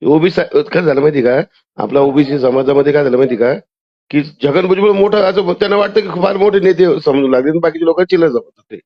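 Male caller, high voice, insistent and argumentative, dull phone-call sound. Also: fast. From Maharashtra, India. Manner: insistent, talks over the other man. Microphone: telephone line. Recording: muffled phone call audio.

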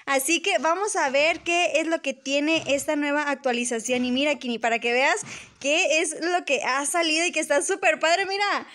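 A Mexican woman hosting gameplay for small children in a bright, squeaky, sing-song manner. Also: moderate pace. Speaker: host of a children's gaming channel.

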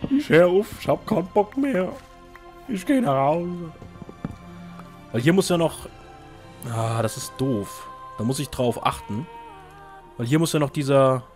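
A man's voice: on the high side, expressive, a little slow, long pauses, darkish tone, faint music behind. A young man casually chatting while playing and answering viewer questions, joking at his own expense. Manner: chatty, self-mocking, jokey. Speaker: let's play host. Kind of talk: casual gaming commentary.

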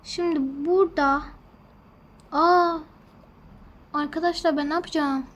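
A woman's voice: sits high, steady tone, slow, a bit bright. A woman hosting a gaming channel, talking to her viewers in a fretful, rambling way as she plays. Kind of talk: casual gameplay commentary.

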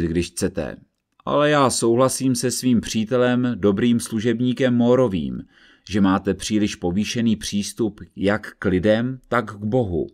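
A man's voice: lowish voice, a little mellow, close to an everyday voice. A man voicing a pompous, irritable wizard who speaks in an indignant, haughty way in an audiobook reading.

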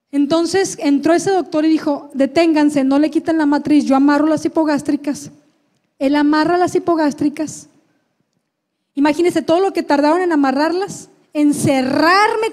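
A woman with a very high voice recounts her own story as a church testimony. She speaks fervently and emotionally, breaking into loud prayers of thanks. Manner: fervent, prays aloud, addresses listener as "hermano". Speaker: guest giving testimony.

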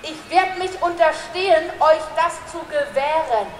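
A woman playing a worried middle-aged farmer husband in an amateur reading of a verse play, hushed and brooding with slips into giggles. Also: very high-pitched, unhurried, echoey room, in a large hall, a little hiss or hum. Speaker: amateur actor. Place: room at home.

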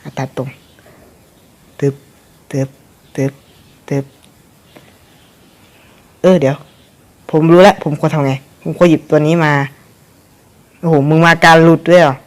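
A man's voice: a little high, steady tone, measured pace, long pauses. Young guy talking over his game, rambly, swears a lot, chuckles here and there. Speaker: gameplay commentator. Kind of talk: casual gameplay commentary.

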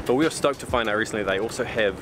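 A man's voice: fairly low pitch, very fast. A man, vlogging casually and guiding a boat tour in an upbeat, chatty way. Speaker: travel vlogger. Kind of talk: casual vlog narration. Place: outdoors on a marina dock and aboard a boat. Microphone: camera-mounted mic, selfie framing. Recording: music clearly audible behind. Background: music playing.

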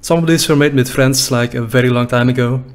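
A young man with a Dutch-speaking Belgian accent, a YouTuber, reacts to his old videos with loose, profane joking and laughter. His mid-range voice sounds smooth, with a steady tone and a brisk pace. He sits in a small room at a desk boom mic, headphones on.

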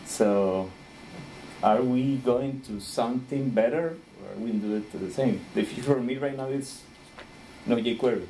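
A man in his thirties from Rica, speaking English, giving a friendly conference talk with frequent small laughs and pauses while he searches for words. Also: medium pitch, warm tone, a little hiss or hum, low-quality recording. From Costa Rica.

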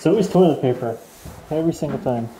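A man's voice: fairly high pitch, expressive, quick pace, dark tone, a little hiss or hum, low-quality recording. A young man casually narrating a walk through an empty abandoned house, thinking aloud and laughing easily while wearing a respirator. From Canada. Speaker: urban explorer host. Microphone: camera mic, wearing a respirator mask.

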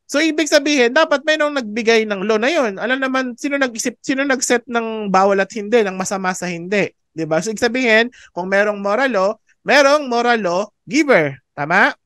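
Theology teacher, online class; conversational, code-switching, checks in with students a lot; smooth voice, dry close sound. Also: mid-range voice, fairly quick, fairly bright tone, no echo. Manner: chatty, mixes English into Tagalog, asks "di ba?" often; laughs often between points. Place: online class over a video call. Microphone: video call microphone.

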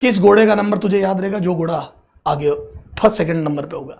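High-voiced fatherly math teacher, scolding. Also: fast, creaky, a little mellow, slight background noise. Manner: scolding, fatherly, addresses students as "beta"; motivational pep talk mixed with math. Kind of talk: exam-prep math lesson.

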